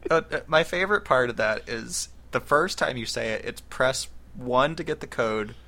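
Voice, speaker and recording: A man co-hosting a podcast in a casual chat, relaxed and a little hesitant. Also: medium pitch, moderate pace, very noisy. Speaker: podcast co-host.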